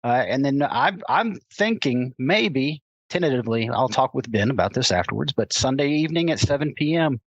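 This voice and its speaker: A Texan man co-hosts a casual podcast, his voice still raspy from being sick. He stops and restarts often, repeating words as he goes, and the sound is dry and close. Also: medium pitch, lively intonation, normal speed, few pauses, no echo, dull audio. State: raspy voice from illness. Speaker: podcast co-host. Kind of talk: casual chat.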